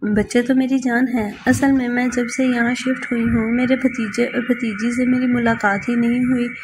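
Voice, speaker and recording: A kind, playful young woman doctor, as read by a woman narrator in a storybook romance. She speaks softly and lovingly to a little boy, in a fairly high voice, with a faint hiss behind her. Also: level tone, moderate pace, lightly acted. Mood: friendly. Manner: gentle and affectionate with a child.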